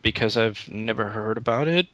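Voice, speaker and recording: Young guy chatting on a livestream, bright sound, kinda rambly, keeps restarting. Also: fairly low pitch, lively intonation, normal speed, no room sound, dull audio. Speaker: YouTube Let's Play creator, interview guest. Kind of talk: casual livestream interview answers.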